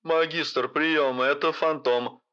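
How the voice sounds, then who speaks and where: A man's voice: fairly high pitch, steady tone, slow, bright, forceful tone, smooth, pitched above the performer's own voice. A man reading out military officers' radio exchanges, speaking in clipped, formal call procedure as if over a field radio. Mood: terse. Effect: radio transmission sound. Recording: dull lo-fi radio sound.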